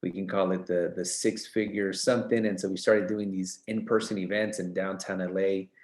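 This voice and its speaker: A man's voice: low voice, little pitch movement, moderate pace, a little mellow. A man in his thirties, a real estate coach as a podcast guest, talking earnestly with many fillers. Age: 30s. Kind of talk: casual interview chat. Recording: roomy echo.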